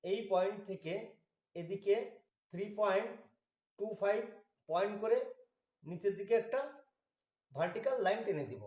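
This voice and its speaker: High-voiced man teaching technical drawing. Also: darkish tone, reverberant. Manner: slow, methodical, pointing out each step. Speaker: drawing instructor. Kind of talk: step-by-step drawing tutorial.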